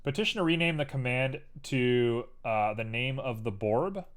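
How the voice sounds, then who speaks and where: A man's voice: medium pitch, expressive, moderate pace, clear, resonant tone. A young man streaming while he 3D models, muttering to himself in a playful, rambling way. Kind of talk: casual livestream commentary while 3D modeling.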